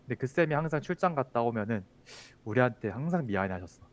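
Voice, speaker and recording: A man's voice: mid-range voice, expressive, fast. A man who is a teacher, chatting casually and telling a childhood story, with many fillers. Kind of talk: casual chat.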